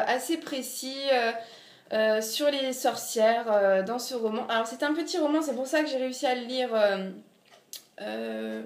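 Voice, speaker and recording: A young woman with an Alsatian accent talks in a high, bright voice, chatty and full of little hesitations. She pokes fun at herself as she shows off her books. The sound is roomy and echoey. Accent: Alsatian French. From Alsace, France. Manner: chatty, many fillers, self-mocking. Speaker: book vlogger. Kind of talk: casual book haul vlog. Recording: echoey room.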